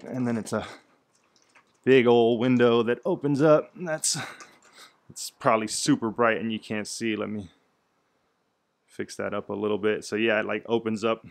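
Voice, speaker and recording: A man in his thirties narrates a walk through his home, recorded on the camera he carries from room to room. His voice sits low and stays flat, with little rise or fall. He talks in a loose, rambling way, full of fillers and restarts. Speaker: vlogger giving a house tour. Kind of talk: casual house-tour narration. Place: indoors in a house, walking room to room.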